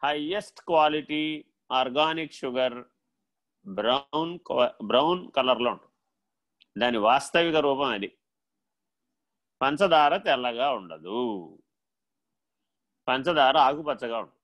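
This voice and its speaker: A man giving a spiritual discourse, animated, swinging from loud rhetorical questions to quiet asides and acting out little dialogues in his own voice. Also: mid-range voice, a little slow, pauses often, lo-fi sound. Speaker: spiritual teacher.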